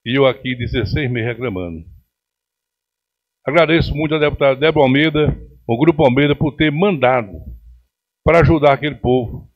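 Indignant councillor with a Pernambuco accent. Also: male voice, mid-range voice, brisk, pauses often, dull audio. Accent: Pernambuco Brazilian Portuguese. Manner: indignant, emphatic, gesturing at podium. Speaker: city councillor. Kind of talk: plenary speech. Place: council chamber, indoors. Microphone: podium microphone on stand.

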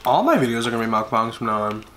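A man's voice: medium pitch, big pitch swings, racing, pushed and bright, slight background noise, low-quality recording. Casting: young man, joking co-host eating on camera, dishes clattering audibly behind. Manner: joking, crude, teasing. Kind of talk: casual mukbang chat.

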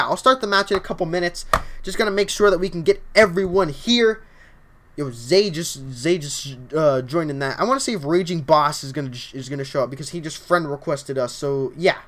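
Excitable high-voiced young male streamer. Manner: excitable, upbeat, often starts lines with "yo, honestly". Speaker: game streamer. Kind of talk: casual livestream chat while reading viewer comments.

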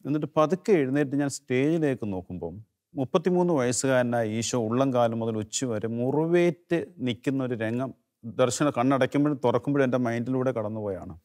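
A middle-aged man from Kerala tells his story of faith to an interviewer. He speaks earnestly in a mid-range voice, often breaking off and restarting. At the most moving points his voice drops low and quiet. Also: lively intonation. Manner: earnest, halting, voice drops low when moved. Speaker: interview guest giving testimony. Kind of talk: emotional personal testimony.

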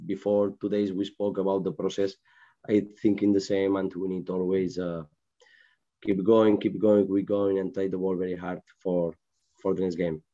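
A man in his forties fields post-match questions on a video call from a press room, his English halting and searching. His voice sits low and flat, with a dark, mellow tone. The sound is muffled and dull. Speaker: football manager. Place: press room with sponsor board.

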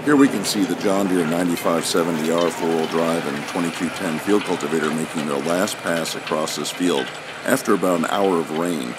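A man giving steady, explanatory scripted voice-over narration. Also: deep voice, a little fast, background noise. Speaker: channel narrator.

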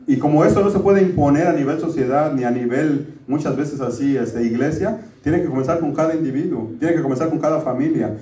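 A man's voice: on the high side, a little fast, hardly any pauses, dark tone. A middle-aged man preaching a sermon as pastor, talking to the congregation in a conversational way and often calling them brothers. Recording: roomy, distant church recording.

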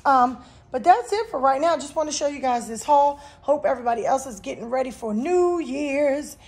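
Filming on a handheld phone in her home kitchen, a woman shows off her grocery haul in an animated, high-sitting voice with a darkish tone and normal pace. Her casual to-camera chat is full of "you guys" and "um".

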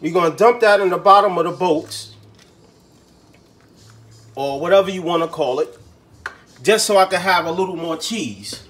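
A man's voice: sits high, moderate pace, pauses often, a bit bright. A man hosting a home cooking show, talking casually to viewers in slang while he fills potatoes. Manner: slangy, chatty, talks to viewers as he cooks.

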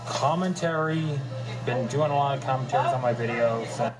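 A tired, exhausted man ranting in a halting way, full of fillers and restarts, just after leaving work. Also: medium pitch, poor audio. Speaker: ranter answering critic. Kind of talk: casual rant.

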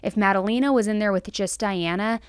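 Speaking a little fast in a smooth, medium-pitched voice, a thirtysomething American woman hosts true crime commentary with a conversational, emphatic style. She's recorded without echo on a close, stand-mounted podcast mic in a small indoor studio set.

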